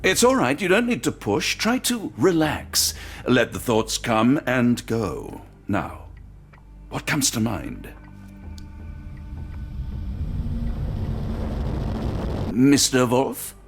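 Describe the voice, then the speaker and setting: Expressive, earnest English doctor. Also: male voice, mid-range voice, slight background noise. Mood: gentle, coaxing. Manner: polite, measured, dryly wry. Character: earnest, weary English doctor, Sherlock Holmes's companion. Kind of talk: video game voice acting.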